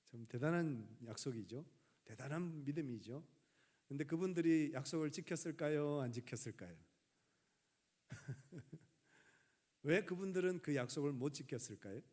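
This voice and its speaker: A middle-aged man, a pastor, preaching a sermon with dramatic pauses and rhetorical questions. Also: a little high, lively intonation, darkish tone. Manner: acts out prayers and dialogue in a raised voice.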